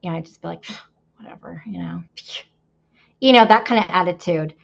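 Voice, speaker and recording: In a lo-fi recording, a female podcast guest rattles off her faith story in a lowish, creaky voice at a rapid-fire pace. She's candid and rambling, with lots of fillers and laughs.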